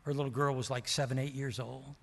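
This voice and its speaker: Older preacher in a reverberant hall. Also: male voice, medium pitch, little pitch movement, brisk, gravelly. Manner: impassioned storytelling, swinging from loud to hushed. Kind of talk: sermon. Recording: long reverb of a large hall.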